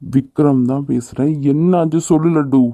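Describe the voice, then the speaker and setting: A man's voice: a little high, fairly even intonation, normal speed, warm tone, no echo, close to an everyday voice. A man voicing a brash young husband who is blunt and teasing but protective of his wife, in a cartoon. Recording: dry, phone-like narrow sound.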